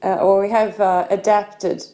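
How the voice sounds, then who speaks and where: A woman's voice: mid-range voice, flat delivery, a little slow, warm tone. A middle-aged Australian woman, an English teacher, giving a practice speaking talk with many fillers.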